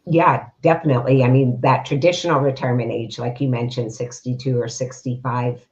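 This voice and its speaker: A woman retirement coach giving earnest, steady interview answers. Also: extremely low pitch, fairly quick. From United States. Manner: earnest, steady, uses fillers. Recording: slightly dull, lo-fi.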